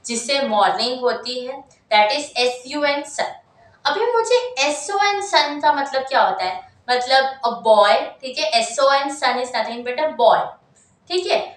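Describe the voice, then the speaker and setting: A young woman teaching an exam-focused English grammar lesson in a lively, chatty way, full of asides and repeated checks. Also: sits high. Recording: roomy, mic set at a distance.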